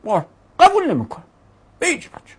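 A woman teaches a grammar lesson, posing questions to the class, answering them herself, and acting out grammar forms as characters with their own voices. Her voice is high, with huge swings in pitch.

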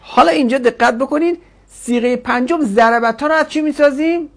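Male language teacher, lecturing, raised pitch with a gravelly edge, methodical and repetitive when explaining. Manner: explanatory, repeats forms slowly for students. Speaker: Arabic grammar teacher. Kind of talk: classroom lecture.

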